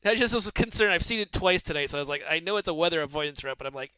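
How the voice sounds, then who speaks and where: A man's voice: on the high side, animated, rapid-fire, sharp tone, smooth, no room sound, poor audio. A man working as an air traffic controller on a stream, mixing procedural calls with informal, wry banter.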